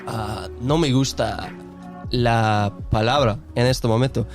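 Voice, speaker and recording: A man's voice: medium pitch, fairly even intonation, soft background music. Easygoing Australian man, swearing casually. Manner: loose and profane, pausing to search for words. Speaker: comedian guest. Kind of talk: casual chat.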